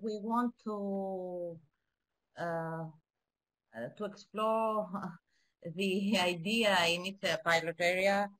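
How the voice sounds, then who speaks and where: A woman speaking haltingly over a poor video-call connection, presenting her project in a webinar. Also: mid-range voice, fairly even intonation, fairly bright tone. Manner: hesitant, halting, many fillers.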